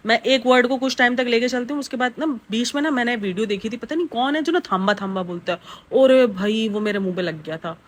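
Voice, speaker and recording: A reaction vlogger from Pakistan rambles chattily through a casual video, filling her speech with many fillers. Her voice is a little high and her pace quick.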